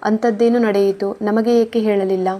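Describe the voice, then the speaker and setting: A woman's voice: mid-range voice, little pitch movement, moderate pace, mellow, lightly acted. A woman reading the lines of a loving older mother-in-law who comforts a crying young woman. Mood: tender. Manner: tender and comforting.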